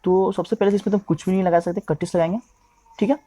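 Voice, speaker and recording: A man teaching English grammar, who keeps pausing to ask himself questions and checking in with his listeners. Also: sits high, fairly even intonation, warm tone, no room sound. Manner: repeats "okay" and asks himself questions.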